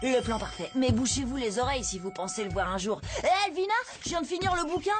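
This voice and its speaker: A high, swooping young boy's voice from a cartoon. He is excitable and scheming, narrating his plans over loud music. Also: fast. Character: scheming, excitable schoolboy telling his own story. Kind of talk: French animated series dub, narrating and dialogue. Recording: music behind the voice.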